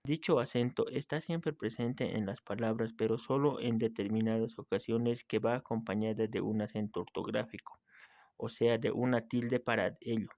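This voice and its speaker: Male teacher, steady read-aloud grammar lesson, close dry mic, slightly dull sound, mid-pitched. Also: normal speed, no echo. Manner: reads steadily from a text, with small slips and restarts.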